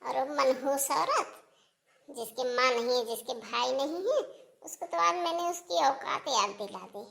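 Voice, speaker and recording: A woman's voice: high-pitched, moderate pace, fairly bright tone. A woman voicing a scheming, two-faced older mother-in-law in a cartoon, sugary to her son and smug behind his back. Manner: sugary scolding, then smug and sly. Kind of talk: cartoon voice acting.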